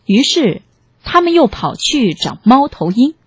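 A woman reading a picture-book story aloud for children in a gentle, animated way. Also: high-pitched, unhurried, husky, no room sound, lo-fi sound.

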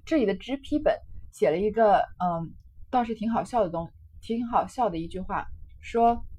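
A woman's voice: medium pitch, moderate pace, warm tone. A woman retelling and explaining a classic novel in a chatty way, with many fillers. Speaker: literature explainer. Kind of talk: storytelling commentary.

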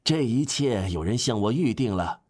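A man's voice: mid-range voice, animated, moderate pace, darkish tone, breathy edge, voice pushed up. Man reading a curt, unyielding innkeeper. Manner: clipped, firm refusals. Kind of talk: audiobook character reading.

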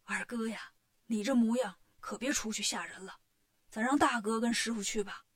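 A calm, sensible disciple, as a woman storyteller plays him, talking reasonably in a gentle voice. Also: fairly high pitch, moderate pace, natural voice. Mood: teasing. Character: Sha Seng, sensible calm male disciple.

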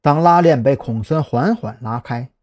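A man narrating a serialized suspense novel in an expressive, suspense-building storytelling manner. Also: mid-range voice, moderate pace. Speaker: audiobook narrator.

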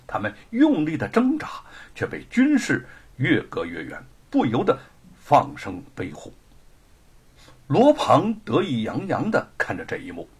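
A man narrating a traditional Chinese story with dramatic, lively delivery. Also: mid-range voice, slightly rough.

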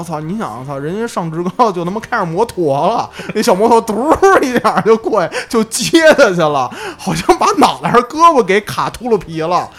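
A high-voiced man with a Beijing accent spins childhood stories in casual podcast chat. His pitch swings widely, and he peppers his animated telling with swearing. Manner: animated storyteller, swears freely. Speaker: podcast co-host.

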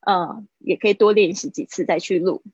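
A woman's voice: mid-range voice, fairly even intonation, darkish tone, no echo. Woman teacher drilling english words, lo-fi dry stream audio. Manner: mixes Mandarin with English, drawn-out vocabulary drills. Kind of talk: live-streamed language lesson. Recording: husky, dull lo-fi stream audio.

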